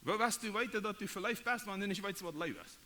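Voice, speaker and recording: A man from Paraguay with a Mennonite Low German accent, preaching a sermon in halting, repetitive phrases. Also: pushed and bright.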